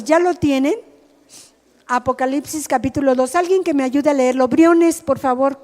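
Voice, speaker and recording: Mexican woman preacher, slow and deliberate, checks in with the group, reverberant room. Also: sits high, a little mellow. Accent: Mexican Spanish. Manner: asks the group questions. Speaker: teacher at a rehab ministry. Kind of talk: sermon to a group. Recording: hall reverb.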